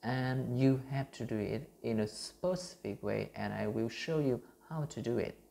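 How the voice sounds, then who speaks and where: Vietnamese man teaching, gravelly dark voice. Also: medium pitch, normal speed, slight background noise. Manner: earnest, repetitive, many fillers and restarts. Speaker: English pronunciation teacher. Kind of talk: self-recorded teaching vlog. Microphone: phone.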